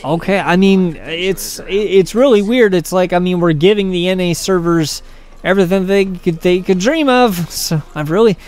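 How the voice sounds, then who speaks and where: A man talks through a game session in casual, rambling commentary, full of amazed asides and fillers. His voice sits fairly high for a man and sounds smooth and clear. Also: moderate pace, darkish tone. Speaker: game streamer.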